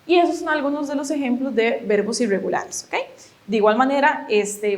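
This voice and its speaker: A fairly high-voiced woman, a native Spanish speaker, leads a video lesson on English grammar. She moves through the rules patiently, one step at a time, and keeps checking that her students follow. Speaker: English teacher.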